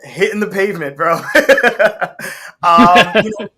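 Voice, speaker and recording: A relaxed, slangy man in his thirties, born in Haiti and raised in the area. His voice sits a little high and rings bright and forward. He tells his story in an easygoing interview manner, laughing often. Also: slow. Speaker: guest, brand co-founder. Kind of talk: casual interview talk.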